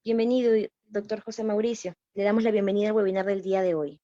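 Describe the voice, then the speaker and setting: A woman's voice: mid-range voice, fairly even intonation, fast, warm tone, no room sound. A woman moderating a webinar, formally reading a prepared introduction of the guest. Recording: dull, dry lo-fi call audio.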